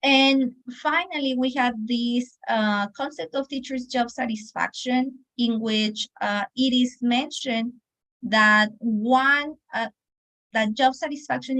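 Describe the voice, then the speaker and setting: Higher-voiced woman with a Mexican accent, presenting. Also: fairly bright tone, poor audio. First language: Spanish. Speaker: teacher and researcher presenting. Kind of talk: academic presentation.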